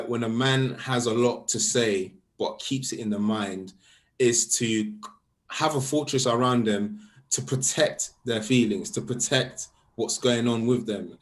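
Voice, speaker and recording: A young Swedish man with a lowish voice appears as a guest artist in a casual interview about his work. He halts and repeats words as he explains.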